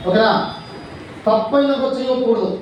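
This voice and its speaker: High-voiced man calling out to schoolchildren. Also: fairly quick, muffled recording. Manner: animated, calls out commands for a game. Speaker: psychologist. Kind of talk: motivational session with schoolchildren. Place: school gathering. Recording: distant, echoey, children and noise behind.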